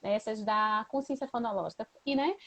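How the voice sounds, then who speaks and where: A woman's voice: fairly high pitch, moderate pace, a bit bright, low-quality recording. A woman who is a teacher hosts the interview with a Brazilian accent, asks questions and affirms the answers with short replies. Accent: Brazilian Portuguese. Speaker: host, teacher.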